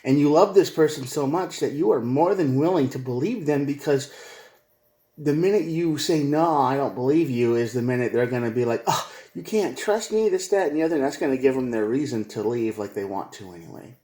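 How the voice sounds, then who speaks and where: A man's voice: mid-range voice, expressive, a little fast, warm tone, roomy sound. A man giving a casual tarot reading, rambling and repetitive, with slangy asides like "man" and "bro.". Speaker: tarot reader.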